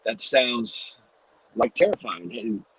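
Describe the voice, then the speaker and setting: A man's voice: mid-range voice, very animated, slow, fairly bright tone, slight background noise, low-quality recording. A man hosting a podcast, asking long, searching, rambling questions in a casual interview. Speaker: podcast host.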